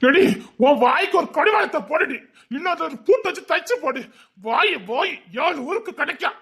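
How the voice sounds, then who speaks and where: A woman playing a defensive, blustering jobless husband who hushes and threatens his wife. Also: extremely high pitch, animated, moderate pace, exaggerated voice. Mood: scolding. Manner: hushing, then blustering threats.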